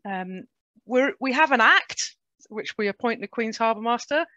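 A British woman speaks in a fairly high voice, presenting slides in an informal way. She is on a video call, with very little room sound and slightly muffled audio. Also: animated, normal speed, pushed and bright, dry recording. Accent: British English. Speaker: presenter, port safety officer's assistant. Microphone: video call microphone. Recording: dull, dry webinar audio.

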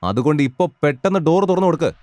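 A man's voice: a little high, expressive, racing, darkish tone, no room sound, voice pushed up, natural voice. A man voicing an arrogant young man who scornfully orders others around. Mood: angry, bossy. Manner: commanding, contemptuous orders.

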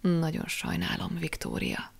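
A woman voicing a caring teenage boy who speaks gently and with concern, in an audiobook. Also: fairly low pitch, gravelly. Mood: gentle.

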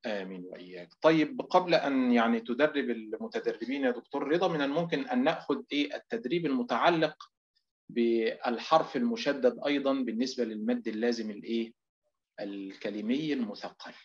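A middle-aged man teaching Quranic recitation in an online lesson, explaining step by step and stretching example words out slowly. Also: medium pitch, highs cut off.

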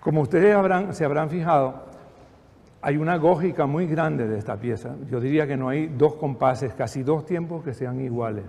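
A man's voice: fairly high pitch, moderate pace, a little mellow. An older man directing a choir rehearsal, giving patient, encouraging instructions with a touch of dry humor. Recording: echoey hall, faint background noise.

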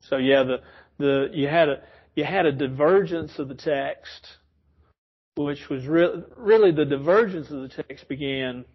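A man teaches an informal Bible study in a church classroom, speaking a little slowly in a slightly high, slightly rough voice. The sound is lo-fi, and he rambles, corrects himself, and chuckles often.

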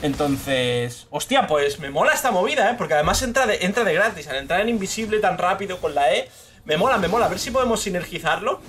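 A young man with a Spain Spanish accent giving live gameplay commentary, swearing freely and bursting into shouts at the big plays. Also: high-pitched, animated, quick pace. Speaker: streamer. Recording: game music clearly behind the voice.

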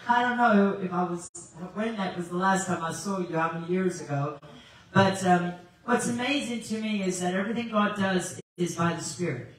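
Speaking into a handheld mic, a South African guest evangelist in her sixties delivers a sermon full of animated, laughing storytelling. Her voice is fairly low, at a moderate pace. The sound comes from a far camera in a large church sanctuary, leaving the hall very echoey.

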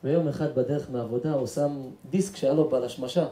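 A man, a rabbi, telling an emotional story in a sermon and acting out its characters, moving from hushed tones to shouts. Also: medium pitch, slight background noise. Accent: Israeli Hebrew. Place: synagogue or event hall. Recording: echoey room.

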